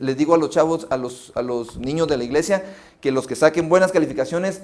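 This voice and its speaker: Mexican male pastor preaching, fairly high voice. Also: darkish tone. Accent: Mexican Spanish. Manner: conversational storytelling preacher with many restarts. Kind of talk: conference sermon. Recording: live phone stream of a sermon.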